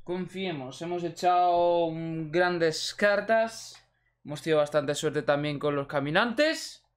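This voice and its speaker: A young gaming video host from Spain, speaking with a Spanish accent, opens game packs while chatting casually in slang, cursing freely and addressing his viewers directly. His voice is on the high side and his pace is unhurried.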